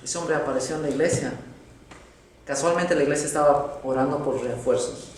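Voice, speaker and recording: A man preaching a sermon, telling a story with dramatic swings between loud exclamations and hushed tones. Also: fairly high pitch, fairly quick, far from the mic. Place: large echoey church hall. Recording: very echoey hall, faint noise.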